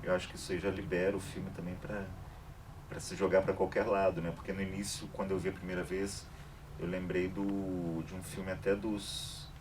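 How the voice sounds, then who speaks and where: A man's voice: deep voice, moderate pace. A man moderating a casual debate after a film screening in a cinema, thinking aloud with rambling fillers. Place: cinema hall. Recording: distant mic with steady background noise.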